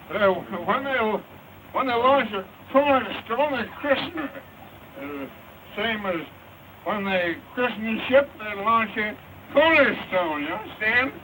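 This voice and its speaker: An actor playing a flustered, folksy ranch hand in an early 1930s western talkie, with an American accent and a stammering, halting delivery. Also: male voice, high-pitched, sharp tone, heavily acted. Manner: stammering, halting, repeats himself. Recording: noisy 1930s film soundtrack.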